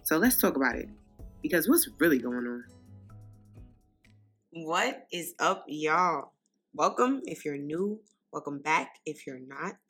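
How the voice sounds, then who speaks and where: Loud New York woman hosting. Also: deep voice, very animated, unhurried, pauses often, slightly rough, faint music behind. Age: young adult. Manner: loud, unfiltered, addresses listeners directly. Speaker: podcast host. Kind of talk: casual podcast talk.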